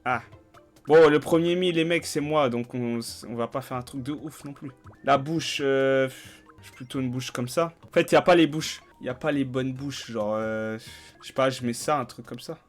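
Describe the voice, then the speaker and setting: A man's voice: medium pitch, moderate pace, faint music behind. A young man streaming a game, chatting casually in slang and swearing freely. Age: young adult. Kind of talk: casual let's-play commentary.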